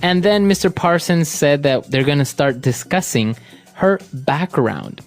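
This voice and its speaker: A man from Ecuador co-hosting an English lesson podcast, explaining vocabulary calmly and steadily. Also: on the high side, unhurried, faint music behind. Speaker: co-host.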